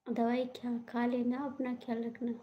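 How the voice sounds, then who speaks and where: A woman's voice: on the high side, completely flat delivery, moderate pace, muffled recording, slight background noise. A young woman hosting a live stream, chatting casually and answering viewer comments.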